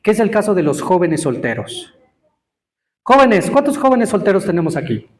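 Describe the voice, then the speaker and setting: A man giving an interactive Torah teaching to a live congregation, quizzing listeners and stressing words slowly. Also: high voice, sing-song.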